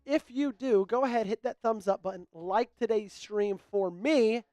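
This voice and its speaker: A man hosting a live-streamed sports talk show, upbeat and rattling off shout-outs to viewers. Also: high-pitched, moderate pace, dry recording, clean studio sound, faint music behind. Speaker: host.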